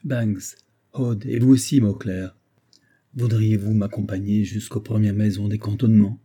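A man voicing a grave, vengeful retired colonel with a husky voice, speaking in solemn, insistent declamation. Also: lowish voice, steady tone, unhurried, warm tone. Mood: stern resolve.

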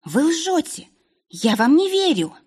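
A woman voicing a young princess in shock and rage, her voice jumping high and breaking as she cries out. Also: big pitch swings, drawn-out words, heavily acted. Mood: shocked, disbelieving. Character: young princess, terrified, grief-stricken, defiant.

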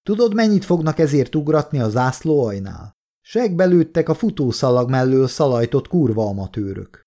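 A man voicing a brash, profane young male soldier who wisecracks and yells in an audiobook. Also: mid-range voice, big pitch swings, pitched above the performer's own voice. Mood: indignant. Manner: profane, shouting, cocky.

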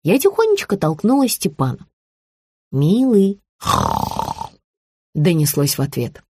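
A woman reading a comic first-person novel aloud with lively, expressive delivery. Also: medium pitch, moderate pace, breathy edge, dry recording. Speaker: audiobook narrator. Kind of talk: first-person audiobook narration. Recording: dry studio audiobook.

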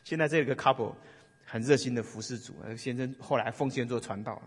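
A man preaching in a conversational style, telling lively stories and often asking the listeners "right?". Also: medium pitch, fairly quick, husky. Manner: lively storyteller, asks the audience "right?". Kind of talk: conversational sermon with storytelling. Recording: long hall reverb.

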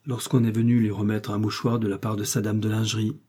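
A man voicing a loyal count who reports to his master in a confidential, brisk way. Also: fairly low pitch, level tone, warm tone, slightly rough.

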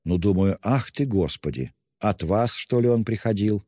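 Male reader doing a sly, fawning older investigator, wheedling and raised in pitch over a low, dark voice; hall reverb. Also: lively intonation, normal speed, studio quality, lightly acted. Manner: wheedling, ingratiating, mocking, with fussy endearments.

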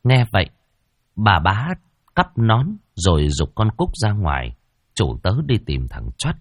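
A man's voice: low-pitched, sing-song, unhurried, no room sound, studio quality. A man narrating a ghost story dramatically.

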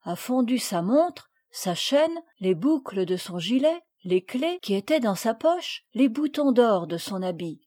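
A woman reading aloud, voicing a calm, gentle mother who explains things patiently to children in a storybook. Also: on the high side, unhurried, hardly any pauses.

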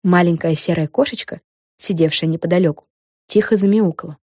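Warm low-voiced woman narrator. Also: brisk, no echo, studio quality. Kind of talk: children's audiobook narration.

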